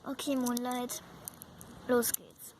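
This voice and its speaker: A woman's voice: on the high side, flat delivery, slow, a little mellow, a little hiss or hum. A woman voicing a patient horse who coaxes and reassures a companion. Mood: coaxing. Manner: coaxing, reassuring.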